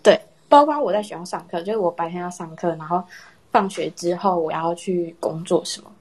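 A young woman casually telling a personal story in a chat with friends, animated and laughing often. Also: lowish voice, fairly quick. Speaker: storyteller in a horror story contest.

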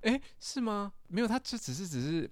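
A man's voice: high-pitched, big pitch swings, fairly quick, no room sound, studio quality. A man with a Taiwanese Mandarin accent co-hosting a casual literary discussion, explaining things with teasing asides and sentence-final particles. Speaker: podcast co-host.

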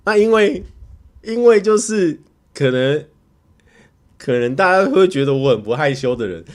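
Brief: male streamer, Taiwanese Mandarin accent, slightly high voice that swings widely, stammery animated storytelling. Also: normal speed. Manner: animated, stammering repetitions, acts out quotes. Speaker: livestreamer and YouTuber. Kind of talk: casual livestream storytelling.

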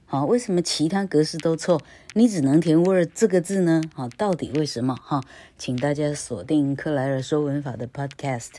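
A woman's voice: sits low, moderate pace, warm tone. A middle-aged woman teaching English grammar on her podcast in a casual, rambling way, tagging her sentences with "ha". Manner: rambling, chatty, tags sentences with "ha".

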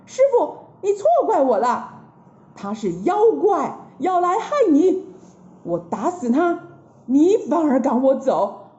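Lady doing a high pleading monkey king, swoops all over, kinda muffled recording. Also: big pitch swings, takes it slowly, dark tone, echoey room, exaggerated voice. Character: mischievous monkey king, male, loyal. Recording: slightly dull lo-fi recording.

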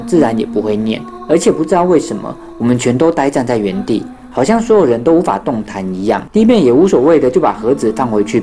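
A storyteller narrating a ghost story and acting out the children's lines in their own voices. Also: mid-range voice. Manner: acts out children's voices in dialogue.

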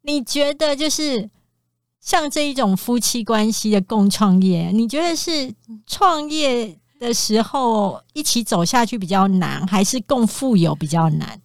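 A woman's voice: fairly high pitch, expressive, a little slow, no echo, studio quality. A young woman guest in a casual podcast chat, telling stories animatedly and laughing often.

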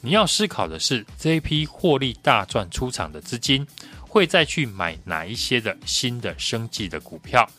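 A man's voice: mid-range voice, big pitch swings, normal speed, sharp tone, faint music behind. A man with a Taiwanese Mandarin accent giving prepared stock market commentary as an analyst, explaining point by point.

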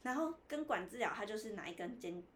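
A woman with a Taiwanese Mandarin accent hosting a casual podcast chat, telling a story with animated voices. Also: medium pitch, fast talker, a little hiss or hum. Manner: animated storytelling, mimics the dentist. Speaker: podcast host.

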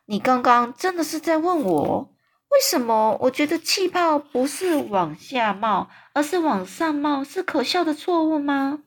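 A woman voicing a big friendly male giant who exclaims and stretches his words out slowly. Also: high voice, animated, voice pushed up. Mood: excited. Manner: exclaiming, drawn-out slow emphatic phrasing.

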